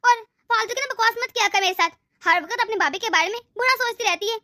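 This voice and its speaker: A woman voicing a gentle, sickly elderly mother in a cartoon, calmly trying to keep the peace. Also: extremely high pitch, fast talker, no room sound, clean studio sound. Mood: soothing. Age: older. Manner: soothing, calming, pleading for peace. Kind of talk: Hindi cartoon voice acting.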